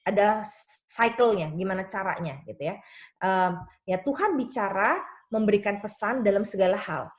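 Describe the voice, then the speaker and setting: A woman pastor giving a conversational seminar talk, telling lively stories and jumping up in pitch whenever she quotes someone. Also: normal speed. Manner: lively storytelling that leaps high in pitch when quoting others; conversational, with frequent tag phrases. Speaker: pastor and speaker on children's faith.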